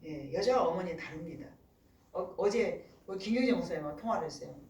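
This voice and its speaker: Animated middle-aged woman pastor preaching. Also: fairly low pitch, a little fast, reverberant, distant mic, low-quality recording. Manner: animated storytelling, acts out voices. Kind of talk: sermon. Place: church.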